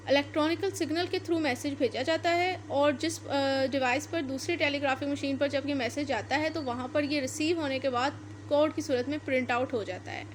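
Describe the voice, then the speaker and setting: Over a little hiss or hum, a high-voiced woman with a Pakistani accent explains law in lecture form. She blends Urdu with English legal terminology, teaching by restating and rephrasing her points.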